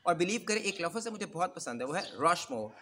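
A man's voice: sits high, animated, fast, sharp tone, a little hiss or hum. A man teaching English pronunciation in Urdu mixed with English, modeling sample phrases for learners. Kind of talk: Urdu-English accent lesson.

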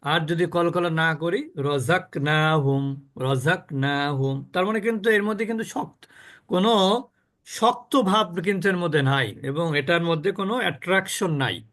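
A man teaching a class on recitation rules. He explains patiently with everyday examples, often checks that his students follow, and repeats words slowly to demonstrate pronunciation. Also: sits high, fairly bright tone.

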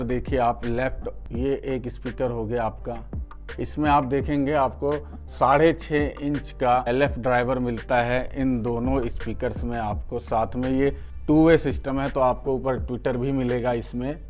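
This Indian channel host reviews a product, unboxing and demonstrating it one step at a time. His voice is medium-pitched with a darkish tone. He frequently repeats key points and addresses viewers in a friendly, familiar manner.

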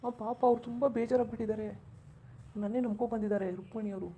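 A woman's voice: a little high, fairly even intonation, quick pace, phone-quality sound, slight background noise, close to an everyday voice. Woman voicing a troubled young husband. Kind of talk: cartoon voice acting.

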